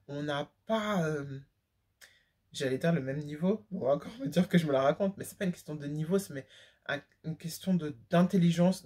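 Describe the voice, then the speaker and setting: Candid woman vlogger, husky voice. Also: low-pitched, a little mellow. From France. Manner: candid, emphatic, lots of fillers and slang. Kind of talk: casual talk to camera.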